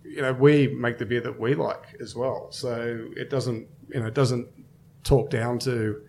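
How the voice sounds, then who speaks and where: A man's voice: medium pitch, steady tone, a little slow, vocal fry, darkish tone, slight background noise. A man of fifty, a brewery co-founder, chatting casually as a guest and thinking aloud with many fillers. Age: 50s. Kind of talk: casual interview chat.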